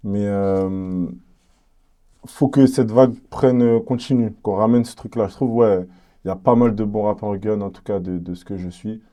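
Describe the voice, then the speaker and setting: A young man from French Guiana with a French Guianese accent, a rapper chatting in an interview in a relaxed, hesitant way with many fillers. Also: on the low side, moderate pace. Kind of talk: casual interview chat.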